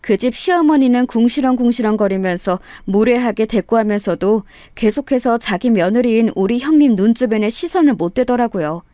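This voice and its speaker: A woman's voice: fairly high pitch, warm tone, dry recording. A woman narrating a true family story in a conversational storytelling manner on a close mic. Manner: conversational storytelling, heated when quoting herself.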